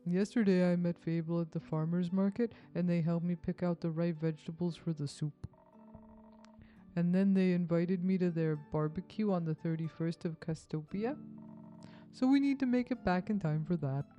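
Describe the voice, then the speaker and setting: A woman's voice: lowish voice, normal speed, warm tone, lo-fi sound, faint music behind, close to an everyday voice. A woman voicing a cheerful young female adventurer who talks in a chatty, friendly way.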